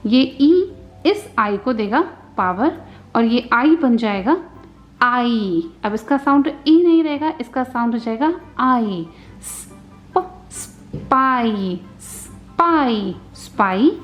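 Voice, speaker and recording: A woman with an Indian accent teaching phonics, sounding out letters slowly and patiently. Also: a little high, lively intonation, soft background music. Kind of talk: slow patient phonics lesson.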